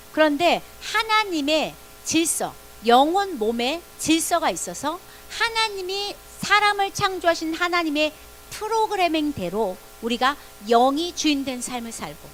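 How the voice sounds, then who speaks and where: A middle-aged pastor's wife giving a lively sermon to young people in a church, coaxing them to repeat short declarations after her. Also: high voice, a little hiss or hum. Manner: coaxing, repeats commands for the group to echo. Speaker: pastor's wife leading a youth service. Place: church hall.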